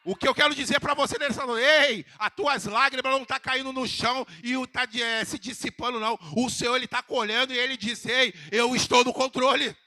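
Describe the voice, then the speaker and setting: Brazilian male preacher, high bright voice, swings from soft quotes to emphatic calls, quizzes the congregation. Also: fairly even intonation, a little fast, few pauses, no room sound. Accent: Brazilian Portuguese. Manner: rising to emphatic calls, then dropping to soft quoted words; asks the congregation questions. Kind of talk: sermon.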